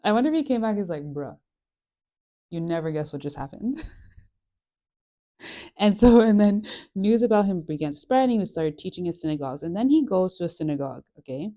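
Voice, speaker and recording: A woman's voice: mid-range voice, animated, brisk, mellow. A woman hosting a casual Bible study chat, chatty and rambling, laughing often with lots of fillers. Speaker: host of a Bible study channel.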